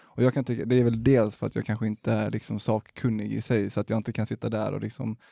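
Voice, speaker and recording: Guy on a podcast, gravelly, kinda halting, dry close sound. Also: on the low side, flat delivery, mellow, no room sound. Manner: halting, laughs easily. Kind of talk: casual podcast chat.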